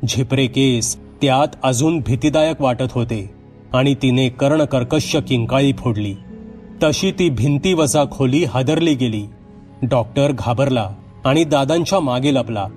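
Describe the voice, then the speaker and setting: A male storyteller reading a horror bedtime tale in a dramatic, steady manner. His voice sits at a middle pitch, and soft music plays faintly underneath. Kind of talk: scripted horror story narration.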